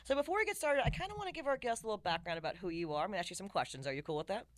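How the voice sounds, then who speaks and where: A woman hosting a talk show, chatting in a bubbly, energetic way as she interviews her guest. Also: mid-range voice. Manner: bubbly, energetic, fast-talking. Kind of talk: upbeat interview chat.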